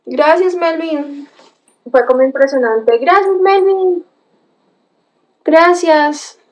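High-voiced woman livestreaming. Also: slow. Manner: animated storytelling with gasps and exclamations. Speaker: livestream host reading chat. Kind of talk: casual livestream chat.

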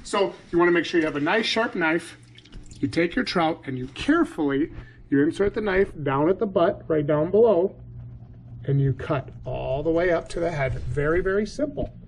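A man's voice: a little high, lively intonation, moderate pace, husky. An American man in his thirties hosting a casual fishing vlog, talking in an enthusiastic, chummy, slangy way. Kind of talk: casual outdoor vlog talk. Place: truck cab, woods, home kitchen.

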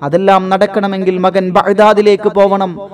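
A man's voice: sits high, little pitch movement, moderate pace, natural voice. A man voicing a devout mother who tearfully sends her young son away, speaking tenderly and pleadingly in a storybook reading. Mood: tender, prayerful.

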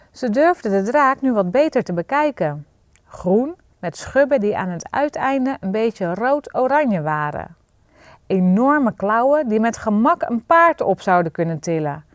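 A woman's voice: mid-range voice, dry recording. Storyteller woman reading to kids, dry close sound. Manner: expressive, lively storytelling. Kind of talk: reading a children's story aloud.

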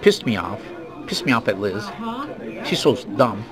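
A man's voice: fairly low pitch, very animated, unhurried, music in the background. Man secretly recorded over restaurant chatter. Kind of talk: casual private business conversation. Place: busy restaurant, indoors. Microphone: hidden body wire under clothes. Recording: hidden wire, clear restaurant chatter.

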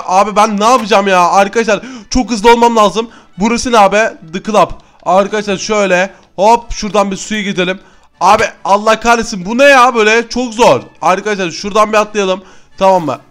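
A young man giving excitable Let's Play commentary as a gaming YouTuber, talking straight to his viewers. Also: high voice, smooth.

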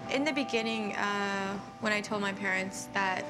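A young woman who owns a small café speaks earnestly and softly about her business. Her voice sits at an ordinary pitch. Music plays underneath. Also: moderate pace, poor audio. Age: young adult. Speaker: restaurant owner. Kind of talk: casual interview chat. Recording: music bed under the talk.

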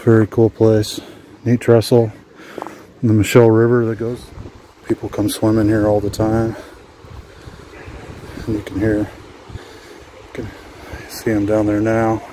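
A man from Washington State narrates his hike in a low, mellow voice, wandering from thought to thought with plenty of "uh"s. He talks as he walks outdoors along old train tracks, with faint ambient noise around him. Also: a little slow, pauses often. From Washington State, USA. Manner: relaxed, rambling, with frequent "uh" fillers; talks while walking outdoors. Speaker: adventure vlogger. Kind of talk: casual hiking vlog commentary. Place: outdoors on abandoned railway tracks.

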